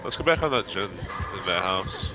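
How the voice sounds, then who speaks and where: A man's voice: sits low, lively intonation, moderate pace, over music. A man talking casually to teammates over voice chat in an online game.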